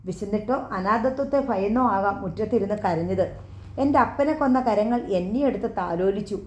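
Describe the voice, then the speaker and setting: A woman voicing a grown daughter who speaks in a firm, measured, accusing voice. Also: medium pitch, echoey room, natural voice. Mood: bitter, firm.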